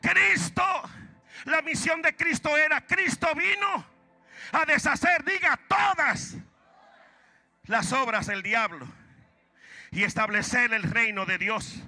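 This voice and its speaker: A man preaching a sermon in a church, calling out to the congregation and shouting key lines. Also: extremely high pitch, slow, pauses often. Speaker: pastor. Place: church sanctuary.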